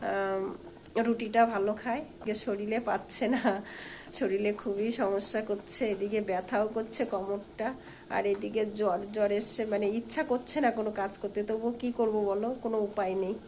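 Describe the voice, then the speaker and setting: A woman with a hoarse voice from a fever, chatting casually to her viewers in a home vlog and checking in with them as she goes. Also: mid-range voice, fairly even intonation, moderate pace, a little mellow, slight background noise. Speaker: home vlogger and mother. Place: at home indoors.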